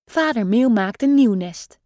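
A woman reading a children's story aloud in a lively, expressive way. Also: fairly high pitch, a little slow, no room sound, clean studio sound. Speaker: storybook reader.

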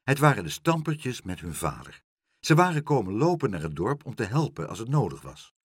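A man reading a children's book aloud, animated, switching into character voices. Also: on the low side, a little fast, breathy edge, no room sound, studio quality. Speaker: storyteller.

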